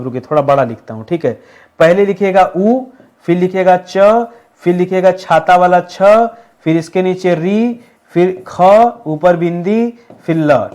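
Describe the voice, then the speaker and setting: High-voiced male teacher spelling words aloud. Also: a little mellow. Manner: spells words letter by letter, asks and answers his own questions; addresses viewers as friends, says "okay" often. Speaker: Hindi teacher. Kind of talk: exam-prep grammar lesson.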